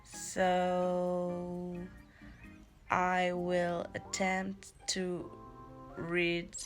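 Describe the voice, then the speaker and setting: A young woman, talking slowly and casually as she thinks aloud for her reading vlog. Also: on the low side, monotone, faint music behind. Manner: slow, unhurried, thinking aloud. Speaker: book vlogger. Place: in her bed at home.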